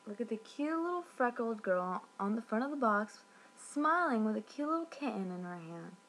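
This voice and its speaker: A woman's voice: fairly high pitch, very animated, moderate pace, a bit bright, slight background noise. A young woman reviewing a product in an upset, sarcastic rant, swearing as she tells what happened, at home.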